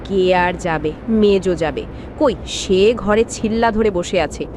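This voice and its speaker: A woman's voice: medium pitch, measured pace, a little mellow, a little hiss or hum, lightly acted. A woman voicing a spiteful, bossy sister-in-law who scolds and sneers in a cartoon drama. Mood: scolding, sarcastic. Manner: scolding, sarcastic.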